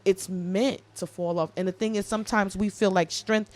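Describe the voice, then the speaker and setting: Woman in her thirties, podcast co-host, casual chat, animated and joking, heartfelt. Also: mid-range voice, normal speed. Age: 30s.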